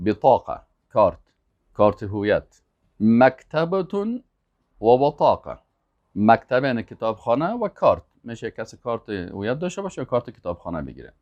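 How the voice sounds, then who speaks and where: A man teaching Arabic, repeating each word slowly and emphatically, then adding quick explanations. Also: on the low side, sing-song, a little mellow, dull audio. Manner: slow, emphatic word-by-word repetition with quick asides. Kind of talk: language lesson, drilling vocabulary.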